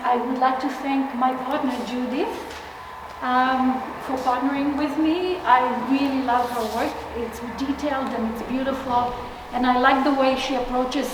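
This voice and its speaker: A middle-aged woman from Israel giving a gallery artist talk, speaking hesitantly with many fillers and restarts. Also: high voice. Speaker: exhibiting artist. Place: large gallery hall. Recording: echoey hall, distant from mic, noisy.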